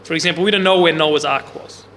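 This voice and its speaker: This loud, bright-voiced Bible study teacher talks fast in a slightly high register, teaching an interactive class to a group in a large room. He uses no microphone; a recorder in the room captures his casual explanations and questions along with long hall reverb and faint background hiss.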